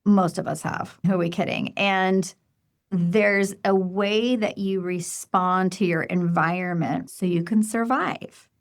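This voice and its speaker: Gravelly-voiced enthusiastic woman host. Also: medium pitch, steady tone, takes it slowly. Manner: enthusiastic, affirming, exclamatory. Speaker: podcast host. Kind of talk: conversational podcast interview.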